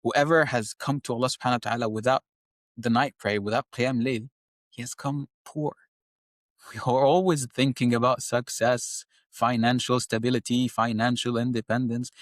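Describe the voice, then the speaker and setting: Man, young adult, podcast guest, impassioned, earnest, mid pitch, dry sound. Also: no echo. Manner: earnest, impassioned, repeats words when searching. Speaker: guest, engineer and science teacher. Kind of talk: conversational podcast talk on faith.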